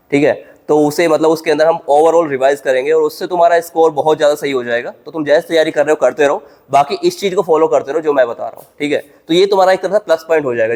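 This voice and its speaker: A man's voice: on the high side, a little mellow. A young man giving casual, direct advice to viewers in a vlog, recorded in a gym. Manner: brisk, informal, addresses viewers directly. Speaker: exam coaching YouTuber.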